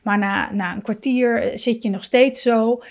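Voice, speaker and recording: A woman speaking gently as a parenting coach, with many fillers, restarts and soft laughs. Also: fairly high pitch, steady tone, unhurried, creaky, highs cut off. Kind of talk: calm spoken advice.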